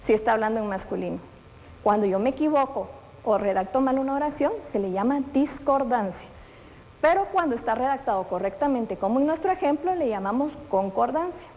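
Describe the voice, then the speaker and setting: A woman's voice: high-pitched, darkish tone. A woman teaching a televised grammar lesson to children, asking questions and then answering them as she speaks directly to the pupil. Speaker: primary school teacher. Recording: reverberant room with faint noise.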